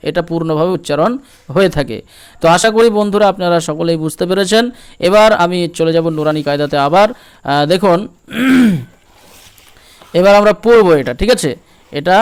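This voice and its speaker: A man with a Bengali accent teaches letter sounds at an unhurried pace, repeating each word and pausing to ask if it is clear. His voice sits high for a man and sounds smooth and resonant. He speaks close to the mic. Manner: patient, repeats each word slowly and checks with "okay?". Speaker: Quran reading teacher. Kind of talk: step-by-step lesson.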